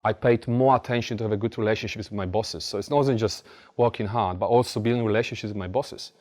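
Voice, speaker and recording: Low-voiced Polish-accented man, blunt motivational speaker. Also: quick pace, a little mellow. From Poland. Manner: blunt, informal, swearing storyteller with emphatic repetition. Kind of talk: motivational talk to a live audience.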